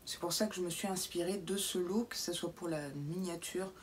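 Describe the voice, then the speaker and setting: A woman vlogging an unboxing to camera, chatty and casual, sometimes dropping into soft asides, in a brightly lit indoor room. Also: fairly low pitch, normal speed, a little hiss or hum. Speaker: beauty box unboxing vlogger.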